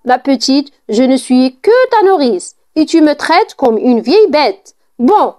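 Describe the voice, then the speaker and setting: A woman's voice: high voice, very animated, unhurried, darkish tone. A woman reading aloud in the part of an old nurse, scolding and fretful, with indignant outbursts.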